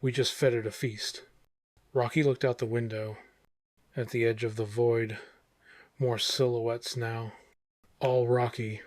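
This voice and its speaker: A man's voice: mid-range voice, flat delivery, unhurried, pauses often, a little mellow, no room sound. A man reads horror fiction like a vintage horror narrator, taking his time over short, suspenseful phrases. The sound is dry and close, with very little room around the voice. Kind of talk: scripted horror story narration.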